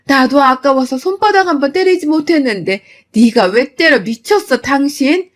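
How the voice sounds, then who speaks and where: A woman voicing a fiercely protective middle-aged mother who scolds loudly. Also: high-pitched, lively intonation, moderate pace. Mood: furious. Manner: loud, scolding.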